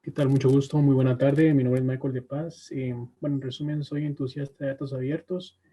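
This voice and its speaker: A man's voice: medium pitch, flat delivery, brisk, mellow, husky. A man politely introducing himself in an online Q&A over a video call. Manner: polite, formal. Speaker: audience participant.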